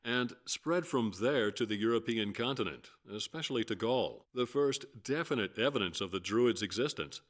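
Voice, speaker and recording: An actor playing an earnest male scholar in a video game, speaking in a measured, lecturing way. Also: medium pitch, lightly acted. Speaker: game character.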